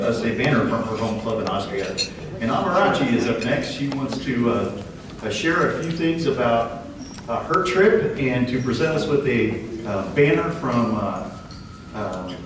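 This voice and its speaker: A man presiding over a club meeting, running through announcements briskly and stumbling over the odd filler. His mid-pitched voice comes from a distance in a very echoey hall. There is steady noise underneath. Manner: brisk, with frequent hesitations. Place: large meeting hall during a lunch.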